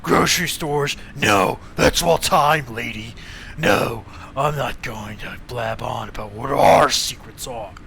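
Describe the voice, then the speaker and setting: A man's voice: mid-range voice, slow pace, vocal fry, sharp tone, a little hiss or hum, voice pushed down, heavily acted. A man voicing a swaggering male gang member in a drawling, surfer-like voice. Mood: sly.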